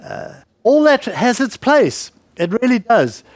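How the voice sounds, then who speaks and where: In a church hall, a pastor preaches a rambling, conversational sermon full of fillers and asides, using a handheld mic with a weak battery. His voice is very high-pitched and very animated yet slow, with no room sound.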